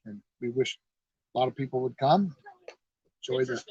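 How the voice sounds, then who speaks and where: At an evening car show, a middle-aged man who heads a car club and owns a garage chats folksily in a casual outdoor interview. His mid-range voice is mellow, slightly rough and moderately paced, with no room sound, carried by dull lo-fi live stream audio.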